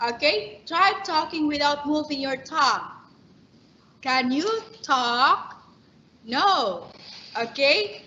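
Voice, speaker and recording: A woman's voice: high-pitched, sharp tone, highs cut off, a little hiss or hum. A woman with a Filipino accent giving a training lecture to teachers, speaking in an emphatic way and addressing them directly. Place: online training session.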